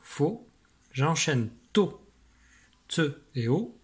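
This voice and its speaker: A man's voice: medium pitch, a little slow. A man teaching a children's dictation lesson, patiently spelling words syllable by syllable. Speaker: primary school teacher.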